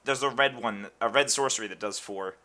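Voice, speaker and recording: A young man co-hosting a card review, joking and bantering with quick stammered restarts. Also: medium pitch, pushed and bright. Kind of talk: casual chat.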